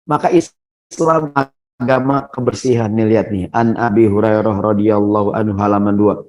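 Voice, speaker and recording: A man's voice: on the low side, steady tone, moderate pace, a little mellow, poor audio. A man giving a conversational sermon in a mosque. He keeps turning to the congregation with questions and often addresses them directly. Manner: conversational, keeps asking the audience "ya nggak?"; often addresses listeners as "hadirin". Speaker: preacher. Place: mosque hall.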